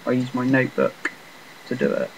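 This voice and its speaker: A man casually rambling through commentary on a game he is playing, talking in a flat, self-deprecating way on a laptop mic. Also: medium pitch, fairly quick, slight background noise, low-quality recording. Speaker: gameplay commentator.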